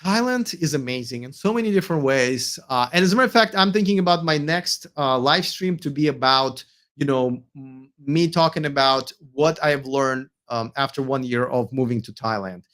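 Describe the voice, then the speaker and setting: Hosting a late-night live stream, a Russian man with a Russian accent reads out viewer comments and responds, sounding tired and full of fillers, restarts and hesitations. His voice is medium-pitched and fairly bright, at a moderate pace.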